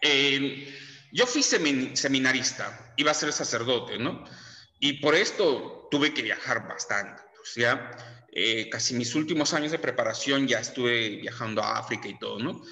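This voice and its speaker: A middle-aged Peruvian teacher with a Peruvian Spanish accent lectures a class chattily, dropping lots of tag questions and fillers. His medium-pitched voice is bright and forceful, with lively intonation and a measured pace. The room is echoey with long reverb.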